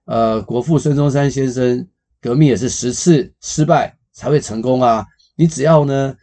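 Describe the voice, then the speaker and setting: A man's voice: medium pitch, normal speed, warm tone, voice pushed up, close to an everyday voice. A man voicing a father who cheerfully lectures his crying child with moral sayings. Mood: cheerfully preachy.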